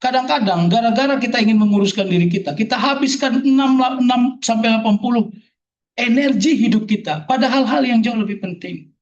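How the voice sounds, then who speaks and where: A man's voice: very high voice, fairly quick. A man preaching a sermon to a gathering, joking and firing rhetorical questions at the audience. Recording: distant, dull hall recording.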